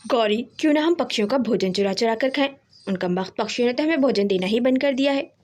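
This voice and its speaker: A sly, greedy male crow in a cartoon story plots his thefts in a boastful, conspiratorial voice, as a woman storyteller puts him on. The voice sits fairly high for a man. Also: quick pace, darkish tone, natural voice. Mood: scheming.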